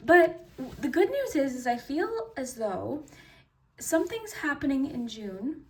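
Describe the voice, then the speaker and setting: A woman's voice: high voice, very animated, measured pace, distant mic. A woman doing a pick-a-card tarot reading, chatty, full of fillers and restarts, and losing her voice. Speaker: tarot reader.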